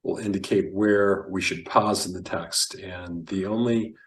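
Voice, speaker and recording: Man, Hebrew teacher, very deep voice, unhurried, deliberate enunciation, a little distant from the mic. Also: steady tone, roomy sound. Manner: deliberate, enunciating each word. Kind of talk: slow, careful teaching.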